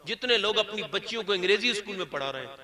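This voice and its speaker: A male preacher with a high voice delivers a sermon to a live gathering, often swelling to impassioned shouts. The murmur of a crowd sits behind him throughout. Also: lively intonation, quick pace. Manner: impassioned, builds to shouting, addresses crowd directly. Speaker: Islamic preacher.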